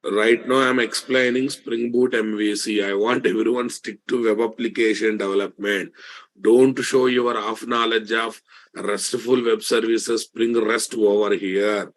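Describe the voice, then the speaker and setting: A man's voice: fairly low pitch, fairly even intonation, a little slow. A man with a Telugu Indian accent lecturing live online as a programming instructor, repeating statements emphatically and checking in with rhetorical questions.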